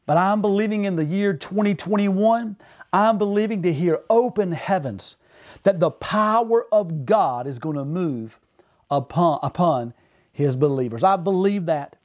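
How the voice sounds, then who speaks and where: A man's voice: high voice, measured pace. A man in his forties, a pastor preaching a fervent sermon from a home office, gesturing and calling out for amens. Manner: fervent preaching with animated gestures, calls of amen. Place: home office with purple lighting.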